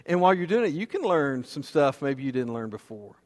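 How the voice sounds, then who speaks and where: A man preaching a sermon in a relaxed, conversational way, often restarting his sentences. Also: medium pitch, brisk. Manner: conversational, with fillers and repeated restarts. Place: church auditorium. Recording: long hall reverb.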